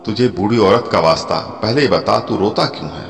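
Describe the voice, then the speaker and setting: A man voicing a pleading elderly woman, his voice climbing high and tearful as she pleads and blesses. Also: brisk, close to an everyday voice. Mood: urgent. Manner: tearful, pleading, rising to high emotional appeals. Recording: long hall reverb with soft music.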